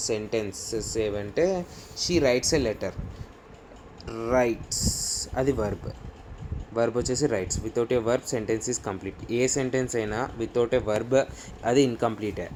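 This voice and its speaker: A man with a Telugu accent teaching English grammar. He reads each English rule out slowly, then explains it in Telugu. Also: mid-range voice, darkish tone, slight background noise. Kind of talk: bilingual grammar lesson.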